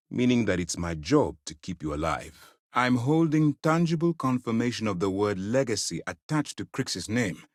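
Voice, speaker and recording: Casting: a principled, stern sci-fi game fleet commander. Low voice, highly dynamic intonation, formal and authoritative, dry close sound. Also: male voice, no room sound. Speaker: voice actor. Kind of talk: scripted video game character dialogue.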